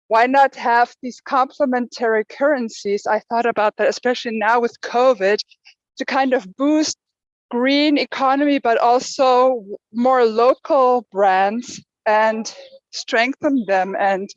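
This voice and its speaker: A woman's voice: a little high, a little slow, no echo. A woman on a video call with her camera off, talking hesitantly and searching for words. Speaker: workshop participant. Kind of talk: casual discussion on a video call. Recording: dull dry laptop audio.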